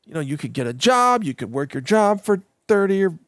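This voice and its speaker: A man's voice: sits high, big pitch swings, fairly quick, no room sound, clean studio sound. A man hosting a solo commentary show, rambling and emphatic, with a mocking edge and frequent restarts. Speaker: show host.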